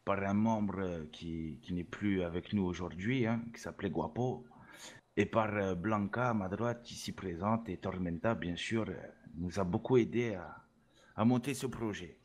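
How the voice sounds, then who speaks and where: A man's voice: low voice, moderate pace. A man playing a swaggering rap label boss. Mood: boastful. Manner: boastful, peppers speech with Spanish words and 'hein'. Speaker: rap label founder in role-play interview. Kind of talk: role-play interview.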